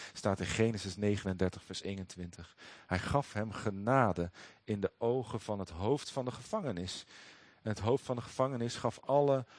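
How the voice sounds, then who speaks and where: A man's voice: fairly low pitch, darkish tone, no room sound. A man reading a Bible passage aloud and commenting on it in a sermon, hesitant, with frequent fillers and restarts. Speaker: preacher.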